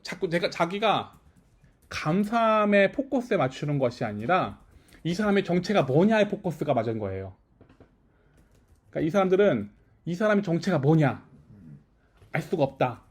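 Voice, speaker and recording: A man's voice: on the high side, sing-song, normal speed, pauses often, breathy edge. A man preaching as pastor at a small house-church service, talking it through with the listeners and often checking that they follow. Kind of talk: conversational sermon.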